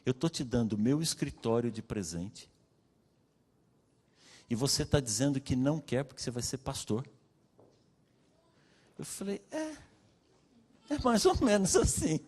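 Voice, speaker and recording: A man with a Brazilian Portuguese accent preaching a sermon, telling his own story and acting out the dialogue with swings in pitch and loudness. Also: very animated, a little slow, pauses often. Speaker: pastor. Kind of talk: sermon testimony. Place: church hall. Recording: long reverb of a church hall.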